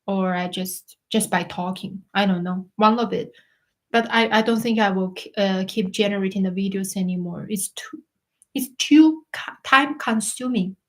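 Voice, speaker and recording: A woman in her thirties hosting a casual live stream, chatting and answering viewers' questions, often pausing to search for words. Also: mid-range voice, rough recording. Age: 30s. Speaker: livestream host.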